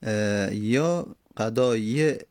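A man lecturing on Arabic grammar, explaining each step and repeating words slowly to drill them. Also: fairly low pitch, darkish tone, no room sound, studio quality. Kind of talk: classroom lecture on Arabic morphology.

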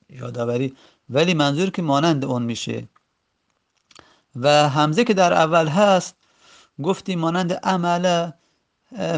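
A man's voice: fairly high pitch, creaky. A man teaching a grammar lesson, patiently repeating each form aloud with frequent hesitations.

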